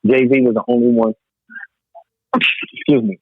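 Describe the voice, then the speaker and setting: This podcast co-host talks about music casually and with strong opinions, repeating phrases emphatically to hammer his points home. His mid-range voice is flat and measured, with no echo, though the line sounds thin, like a phone.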